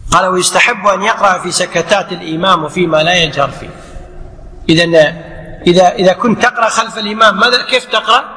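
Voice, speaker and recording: A man's voice: high-pitched, fast talker, pushed and bright. A man giving a religious lesson on prayer rulings, explaining with rhetorical questions and by acting out the imam and the worshipper. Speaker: Islamic scholar teaching. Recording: echoey hall reverb.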